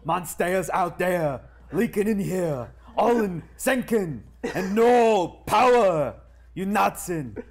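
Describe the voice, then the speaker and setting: A man voicing a clumsy, panicky, goofy alien sidekick in halting broken speech during a comic script read. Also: high-pitched, lively intonation, creaky, full character voice. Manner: halting, drawn-out broken grammar.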